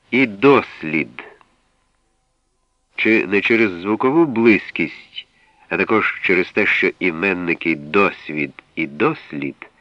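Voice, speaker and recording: A man giving a measured, explanatory scripted reading of a language usage guide, setting apart single words as he goes. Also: low voice, no echo, lo-fi sound.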